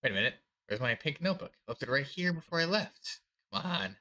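A man's voice: medium pitch, very animated, fast, pushed and bright. A man voicing a caring, weary teenage girl who is an older sister, reading game dialogue aloud in a fond, chatty way.

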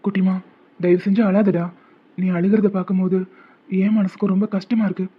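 A man's voice: sits high, little pitch movement, a little fast, breathy edge. Man voicing a devoted young cartoon lover. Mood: tender. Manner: earnest, soft-spoken comforting. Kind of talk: cartoon voice acting. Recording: tinny phone-like sound.

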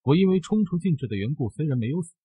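A reborn young snake-clan heir speaks with cold resolve, voiced by a man in a comic-book recap. The voice is husky and lively in pitch, and the recording is dry and close. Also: racing, dry recording, narrow, tinny audio. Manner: cold, determined.

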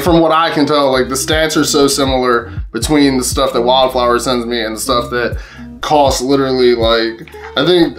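A man from Pennsylvania chatting casually to his camera at home, swearing freely and laughing between thoughts. His voice sits in an ordinary middle pitch, and he often trips over his words and restarts. A faint strain of music sits behind him. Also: fairly bright tone. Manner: loose, profane, laughs often, restarts mid-sentence. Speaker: cannabis vlogger host. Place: indoors at home.

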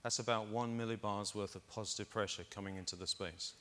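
A man's voice: fairly low pitch, steady tone, fairly quick, bright, forceful tone. A middle-aged man on a conference stage, talking into a lapel mic and walking the audience through test data step by step. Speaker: keynote speaker. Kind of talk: conference keynote presentation.

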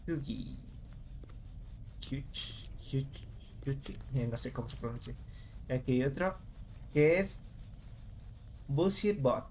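A man's voice: mid-range voice, lively intonation, a little slow, long pauses, darkish tone, slight background noise. A man, casually commenting on a game as he plays, talking to his viewers and thinking aloud. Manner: casual, talks to viewers while puzzling aloud. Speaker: gameplay commentator. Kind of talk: let's play commentary.

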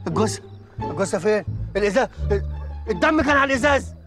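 A man's voice: high-pitched, lively intonation, fast talker, music in the background. An actor playing a panicked man who insists he saw a corpse, speaking with an Egyptian accent. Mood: frantic. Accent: Egyptian Arabic. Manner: frantic, protesting, insistent. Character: panicked man named Abd Saboor, insisting he saw a body. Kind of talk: Egyptian TV comedy acting.

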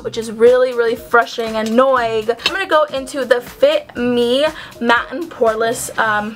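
Her voice is on the high side, with a noisy background. A young adult beauty vlogger, she films a makeup tutorial indoors in a small home room with shelves, camera close by, chatting casually, full of ums and likes, and giving earnest advice.

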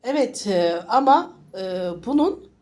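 A woman sniffly with a summer flu, reading fortunes informally for viewers in a halting, reassuring way and often repeating her phrases. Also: fairly high pitch, animated, darkish tone. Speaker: fortune teller.

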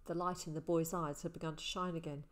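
A woman narrating an audiobook, reading a story in an expressive way. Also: sits low, quick pace. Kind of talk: scripted narration.

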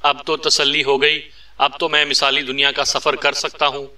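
A man's voice: on the high side, flat delivery, moderate pace, sharp tone. A man voicing a joking, witty male secret agent in a read-aloud story, with a playful, teasing manner. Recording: distant mic.

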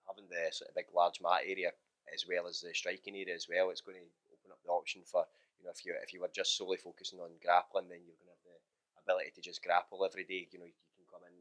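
Deep, flat-voiced fighter talking fast. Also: male voice. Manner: quick, relaxed, many fillers and restarts. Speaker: MMA fighter and coach. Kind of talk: post-training interview. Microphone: handheld mic held close.

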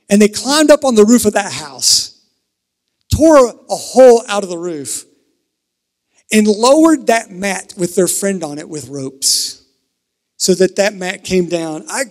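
High-voiced preacher at a pulpit microphone. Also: male voice. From Kentucky. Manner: earnest, swings from emphatic to hushed. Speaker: pastor. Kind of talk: sermon. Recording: reverberant sanctuary, pulpit mic.

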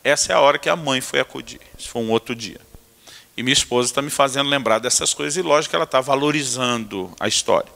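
A man, a pastor preaching a sermon who tells family stories in an animated, comic way. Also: medium pitch, fast, vocal fry. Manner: animated, acts out family scenes with comic asides. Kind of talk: humorous sermon storytelling. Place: church sanctuary. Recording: long reverb of a church hall.

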